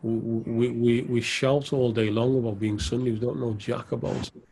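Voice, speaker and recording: Gravelly-voiced man, Islamic scholar. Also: medium pitch, flat delivery, moderate pace, darkish tone. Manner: earnest, then teasing and laughing. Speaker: Islamic scholar answering questions. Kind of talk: live Q&A, casual banter.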